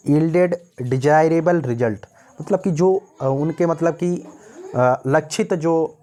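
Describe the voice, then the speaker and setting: An Indian male teacher gives a recorded exam-prep lecture in a patient classroom manner. He explains each point in Hindi and reads English lines from his notes slowly, word by word. He keeps checking that his students are following. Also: a little high, a little mellow. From North India.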